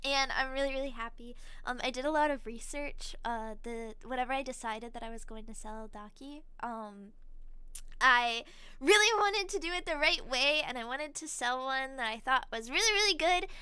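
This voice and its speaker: A woman streaming as a VTuber, chatting casually while gaming, excitable and rambling with frequent giggles. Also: high voice, moderate pace, clear, resonant tone, dry recording.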